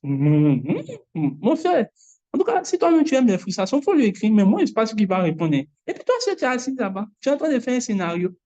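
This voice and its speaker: A woman preaching a sermon in a lively way, acting out the voices she quotes. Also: on the high side, brisk. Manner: animated, mimics voices. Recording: dull lo-fi sound.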